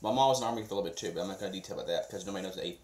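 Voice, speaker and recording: A man's voice: low voice, rapid-fire, echoey room, crowd noise. A man in his twenties answering questions about his life at home, hesitant and often correcting himself. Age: 20s. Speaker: husband being interviewed. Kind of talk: casual home interview. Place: home at night.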